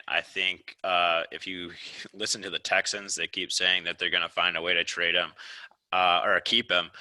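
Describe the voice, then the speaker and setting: Man, podcast co-host, very low voice with a sharp edge, measured sports analysis. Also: no room sound, rough recording. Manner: measured, lays out analysis point by point. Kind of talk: casual sports chat.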